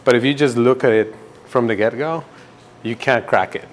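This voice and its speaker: This is a man in his twenties from Ecuador, a graduate student giving a campus tour for a casual documentary interview. His voice is medium-pitched at a normal speed, and he rambles in a relaxed way with lots of fillers and restarts.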